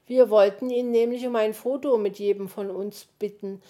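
A woman voicing a clever little bird who briskly explains things. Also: mid-range voice, steady tone, dark tone, pitched above the performer's own voice, lightly acted.

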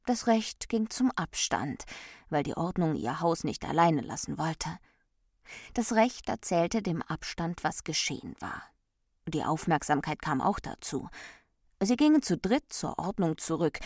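A woman reading a fable aloud in clear, measured storytelling narration. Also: sits low, big pitch swings, no echo. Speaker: storybook reader. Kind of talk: scripted narration. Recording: dry close recording.

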